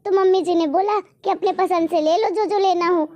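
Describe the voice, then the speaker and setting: A woman's voice: very high voice, fairly even intonation, moderate pace, darkish tone. A woman voicing a young daughter-in-law who chats proudly and boasts. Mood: boastful. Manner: chatty, boastful. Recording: dull lo-fi recording.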